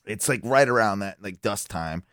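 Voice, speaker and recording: A man's voice: fairly low pitch, animated, moderate pace, fairly bright tone, dry recording, clean studio sound. A man hosting a radio show, telling a profane, rambling story in casual chat.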